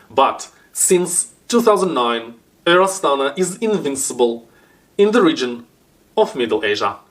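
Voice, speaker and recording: A man with a strong Russian accent talks to his viewers in a casual vlog. His delivery is halting, with frequent "uh" pauses between words. His voice sits at an ordinary, middle pitch for a man. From Kazakhstan. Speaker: channel host.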